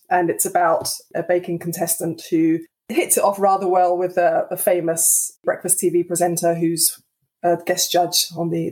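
A woman's voice: fairly low pitch, vocal fry, darkish tone, rough recording. A woman, an indie author guest, chatting playfully and teasingly on a podcast. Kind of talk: casual podcast chat.

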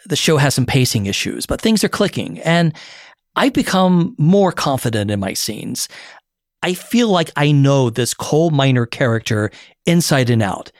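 A middle-aged actor narrating his own story in a measured, reflective way with a wry edge. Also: medium pitch, sing-song, dry recording, clean studio sound. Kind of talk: scripted memoir narration.

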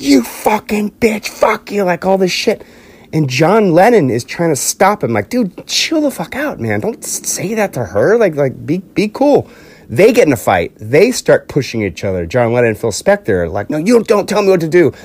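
Male podcast host, casual storyteller, mid-pitched, rambling and full of fillers, dry close recording. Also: darkish tone, dry recording. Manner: rambling, lots of fillers and restarts, acts out quotes.

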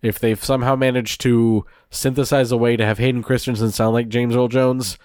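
A man's voice: mid-range voice, level tone, brisk, a little mellow, clear, resonant tone, no echo, clean studio sound. A man hosting a podcast in casual chat, talkative and laughing often, quoting himself in asides. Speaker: podcast host.

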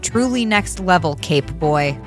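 A woman's voice: lowish voice, animated, a little slow. Casting: cutting, no-nonsense fighter girl, faint music under. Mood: sarcastic. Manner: cutting, sarcastic. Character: sharp-tongued young female warrior, tough.

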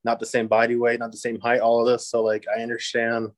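A man raised in Japan, talking as a podcast guest in an easygoing, upbeat way with many pauses. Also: mid-range voice, monotone, no echo, poor audio. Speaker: podcast guest, disc golf player. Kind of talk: casual interview chat.

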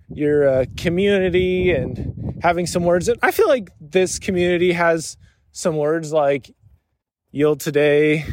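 A man hosting a solo podcast, talking casually and rambling with lots of filler words. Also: fairly high pitch. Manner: rambling, heavy use of filler "like". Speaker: podcast host.

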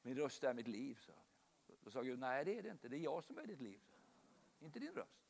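A man's voice: mid-range voice, very animated, gravelly, darkish tone, in a large hall. A man preaching a sermon, telling stories and addressing the congregation directly.

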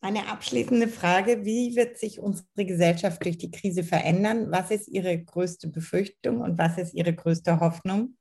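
A woman interviewer asking concise, measured questions. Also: on the low side, gravelly, a little mellow, slightly rough.

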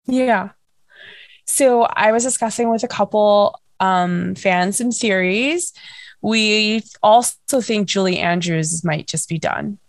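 A young woman with a hoarse, scratchy, nasal voice, hosting a casual fan chat podcast with lots of fillers. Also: mid-range voice, slow pace, dry recording. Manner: chatty, filler-heavy, excitable. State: hoarse, lost voice. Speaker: podcast host.

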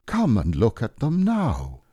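A man's voice: medium pitch, huge pitch swings, slow pace, warm tone, breathy edge, dry recording, clean studio sound, voice pushed up, heavily acted. A man voicing a self-important, long-winded storybook owl with a pompous, explanatory way of talking. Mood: self-satisfied. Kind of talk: storybook character reading.

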